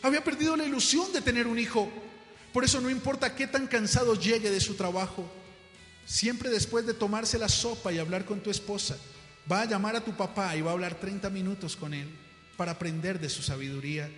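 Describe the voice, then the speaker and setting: A preacher voicing a calm, reassuring messenger who has come to take a man away. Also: high voice, a little fast. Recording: echoey hall with faint music.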